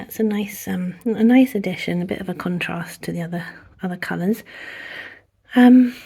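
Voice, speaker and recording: A woman with a cold and short of breath, giving a casual tour of her houseplants in a soft, half-whispered, hesitant voice at home. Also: on the low side, vocal fry, breathy edge. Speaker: houseplant vlogger. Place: indoors at home among houseplants.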